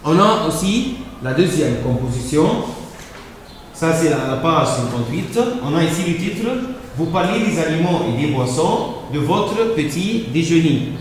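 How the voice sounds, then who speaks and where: A fairly high-voiced man with lively intonation guides listeners through French exercises in a teacherly way, hesitant and slow, often repeating himself and saying "euh." He sounds distant in a room with long, reverberant echo, and a faint ambient hum runs beneath.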